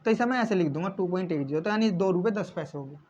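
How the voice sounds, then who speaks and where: A man's voice: sits high, lively intonation, rapid-fire, a little mellow. A male maths teacher explaining step by step, asking questions and answering them himself, repeating key points and calling his viewers friends. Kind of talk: classroom-style maths explanation. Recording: slightly dull lo-fi recording.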